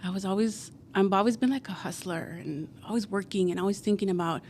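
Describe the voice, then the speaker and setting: A cleaning company founder from Guatemala, a woman in her forties, talks fast in a medium-pitched, darkish voice during a casual podcast interview. She tells her story chattily, with many fillers like "like" and "you know," and slight background noise is audible.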